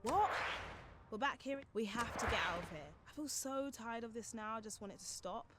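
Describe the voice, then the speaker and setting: An actress voicing a chatty young woman companion in a game, bubbly and quick to swing between moods. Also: on the high side, animated, heavy background noise, close to an everyday voice. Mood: weary. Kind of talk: game character dialogue. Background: music.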